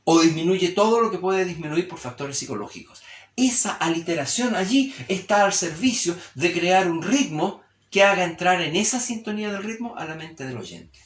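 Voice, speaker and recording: A man's voice: sits high, normal speed. Chilean man lecturing in a roomy echo. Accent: Chilean Spanish. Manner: expressive, shifts tone and pace to demonstrate. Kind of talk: reflective humanities lecture. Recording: roomy echoey recording.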